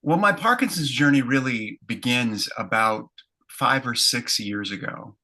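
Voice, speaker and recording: A man's voice: medium pitch, lively intonation, unhurried, sharp tone. A man in his fifties, a stage performer, telling his story in a reflective, detailed way with many fillers. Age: 50s. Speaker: interview guest, stage performer. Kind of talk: conversational storytelling.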